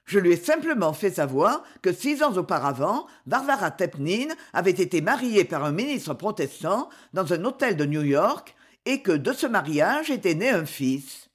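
A man's voice: high-pitched, big pitch swings, breathy edge, heavily acted. A woman reader voicing a cruel, sarcastic aristocratic count who speaks coldly and with menace. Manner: cold, sneering, measured.

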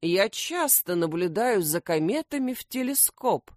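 A woman's voice: medium pitch, sing-song, a little slow, no echo, studio quality. A woman voicing a cheerful, confident male animal detective.

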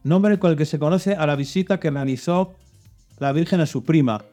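A man runs a children's religious quiz, his voice sitting a little high for a man. He reads each clue, then nudges the young contestants along with hints. Soft music plays faintly behind him. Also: moderate pace. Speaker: quiz host.

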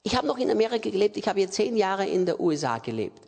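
A middle-aged Austrian man preaches in a rather high, husky voice with a gravelly edge. He talks emphatically and repeats key phrases. His sermon rings out in a reverberant hall. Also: sing-song, fast, darkish tone.

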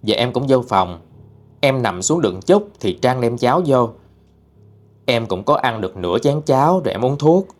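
A man's voice: mid-range voice, sing-song, normal speed. A man narrating a first-person ghost story in a plain, mournful way. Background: faint music.

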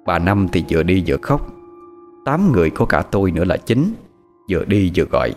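A man narrates a scary tale in a low, expressive voice. His pitch moves vividly as he builds dread. Faint music plays beneath the story. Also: a little fast. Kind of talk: scripted horror narration.

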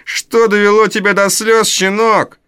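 A man voicing a spiteful, taunting older charity boy in a storybook reading, his voice jumping high and jeering. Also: flat delivery, measured pace, fairly bright tone, clean tone. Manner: jeering, shrill, then wailing for help.

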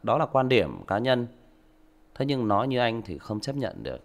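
A man hosts a livestream and lectures his listeners with rhetorical questions. His mid-range voice carries a gravelly fry and an indignant edge. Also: medium pitch, very animated, normal speed. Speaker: audiobook narrator and livestream host.

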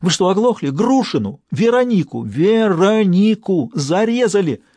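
A man voicing a terrified young bank clerk who talks in shrill, breathless pleas. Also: lively intonation, normal speed, darkish tone, husky, no echo. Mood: panicked. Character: panicking frightened young male bank clerk.

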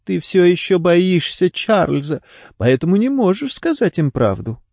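A man doing a shrill, frightened wife. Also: sing-song, a little slow, gravelly, darkish tone, no room sound, studio quality, heavily acted. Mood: pleading. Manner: high, shrill, insistent. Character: frightened, sharp-tongued wife under interrogation.

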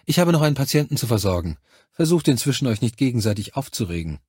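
A male audiobook reader voicing a brisk, practical female military doctor who talks in a firm, matter-of-fact way. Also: mid-range voice, very animated, darkish tone, breathy edge, no room sound, studio quality, pitched above the performer's own voice. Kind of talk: audiobook character voice.

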